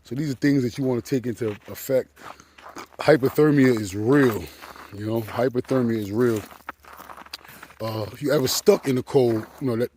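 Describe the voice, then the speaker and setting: A man's voice: medium pitch, moderate pace, pauses often, a little mellow, a little hiss or hum. A man vlogging outdoors in winter, talking in a slangy, chatty way and a little out of breath. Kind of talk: casual outdoor vlog. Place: outdoors on a frozen lake in winter.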